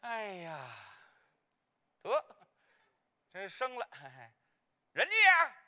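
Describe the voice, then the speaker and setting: Extremely slow with wildly swooping, medium pitch, the sharp and exaggerated voice comes from a Peking opera clown playing a gossiping wife. Speaking with a Beijing accent, the character rambles, bumbles, and muddles names.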